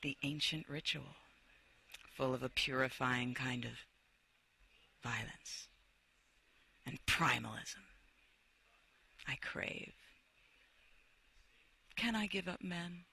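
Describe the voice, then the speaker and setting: A woman's voice: rumbling low, slow, creaky, long pauses, pushed and bright, husky. A woman hosting an interview, playful and effusive, who also reads a passage aloud. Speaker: interview host. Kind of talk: casual interview and reading aloud.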